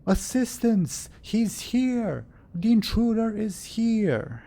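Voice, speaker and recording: A man's voice: sing-song, takes it slowly, vocal fry, full character voice. A man doing a shrieking panicked nobleman. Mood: frantic. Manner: loud, shrill alarm yelling. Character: panicked shouting human nobleman.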